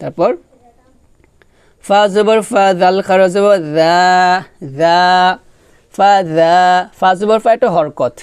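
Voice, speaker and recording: Male recitation teacher, slow measured chant, clean dry voice, patient. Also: sits high, darkish tone, clean tone, dry recording. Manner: slow drawn-out chanting of verses between brisk explanations; patient, repeats syllables for students to follow. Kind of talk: spelling-out recitation lesson.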